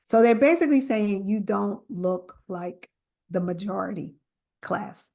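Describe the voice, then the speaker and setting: A woman's voice: mid-range voice, measured pace, gravelly. A middle-aged woman from New Jersey, an author speaking earnestly and emphatically in an interview. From New Jersey, USA. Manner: earnest, emphatic, quotes others in animated voices. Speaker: author guest. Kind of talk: interview conversation.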